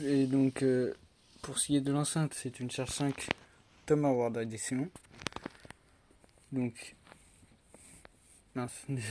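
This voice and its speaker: In his tech unboxing vlog, a young man from France talks in a dark-toned, mid-range voice. He wanders casually through it, full of fillers and false starts.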